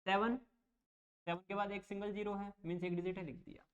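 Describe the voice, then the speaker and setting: A man's voice: sits high, flat delivery, brisk, lo-fi sound. Patient man teaching a math lesson. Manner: patient, repeats steps, checks understanding; reassuring, plain explanations. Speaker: coaching teacher.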